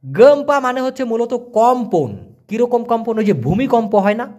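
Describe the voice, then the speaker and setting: A man's voice: very high-pitched, animated, moderate pace, darkish tone. A man teaching a casual language lesson, repeating and spelling out words for learners.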